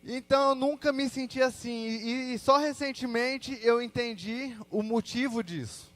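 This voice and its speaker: A man's voice: very high-pitched, a little slow. A young man with a Brazilian Portuguese accent gives a personal testimony to a church congregation, telling his story in a casual, slangy way. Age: young adult. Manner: casual, slangy storytelling with lively quoted asides.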